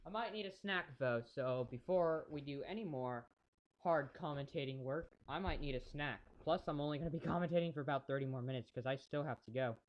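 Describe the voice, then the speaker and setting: Man, casual live-stream race commentary, chatty and rambling, slightly high voice, dull lo-fi mic sound. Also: fairly quick. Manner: chatty, rambling, talks to chat viewers.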